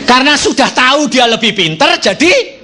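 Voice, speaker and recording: A man's voice: high-pitched, sing-song, normal speed, a crowd in the background. A man preaching a sermon and telling stories, acting out voices with laughter.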